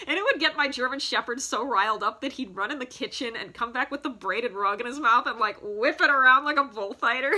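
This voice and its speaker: A vlogger in her thirties does a casual, nostalgic show-and-tell of childhood keepsakes, rambling with lots of fillers and restarts. She speaks fairly quickly with few pauses in a slightly high, sharp-toned voice, recorded on a phone in a home basement.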